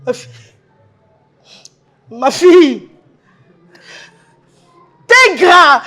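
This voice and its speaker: A woman's voice: very high-pitched, sing-song, pushed and bright, heavily acted. A middle-aged woman with a Congolese French accent playing a grieving mother who calls on God and draws out her cries. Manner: drawn-out, wailing calls of a name.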